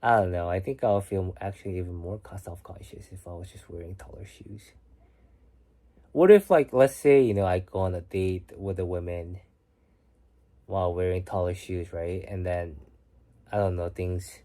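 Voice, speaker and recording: Late at night at home, a young Korean man with a deep voice chats casually with his stream and reads the chat. He talks at a normal speed, soft-spoken and musing, occasionally lowering to a whisper.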